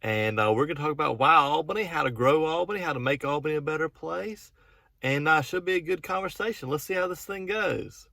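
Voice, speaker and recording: A man's voice: a little high, fairly quick, vocal fry, bright, forceful tone. A man, a realtor hosting a casual interview, chatty and agreeable. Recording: echoey room.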